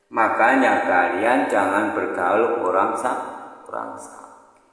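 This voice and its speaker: A man rants and scolds in a casual live-stream chat, often breaking off and restarting his words. His voice sits a little low. It rings through a hard, echoey room with a long, lingering reverb. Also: slow pace, vocal fry, fairly bright tone. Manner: ranting, scolding.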